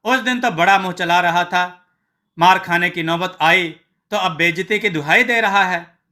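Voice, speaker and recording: A villager jeers in a taunting, high, bright voice, as a man puts him on. He mocks with scorn. This is a storybook tale voice. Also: moderate pace. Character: mocking male villager.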